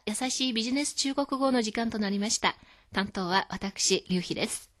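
A woman hosting a scripted radio lesson, explaining words calmly. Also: a little high. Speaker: Chinese language teacher.

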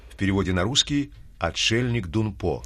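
Low-voiced man hosting a radio lesson. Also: lively intonation, moderate pace, no echo, clean studio sound. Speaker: radio language lesson host.

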